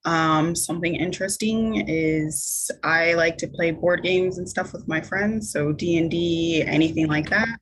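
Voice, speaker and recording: A young woman from Las Vegas introduces herself in a friendly, quick way with small giggles. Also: fairly low pitch, low-quality recording. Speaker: new student.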